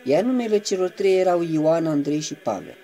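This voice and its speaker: Mellow man reading devotionally. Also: on the high side, animated. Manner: slips into chanted intoning; measured, reverent delivery. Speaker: reader of a saint's life.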